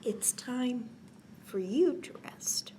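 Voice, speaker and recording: At a children's bedtime storytime, a woman with a fairly high, animated voice reads a picture book slowly, gently and expressively, adding casual remarks and often lowering to a near-whisper.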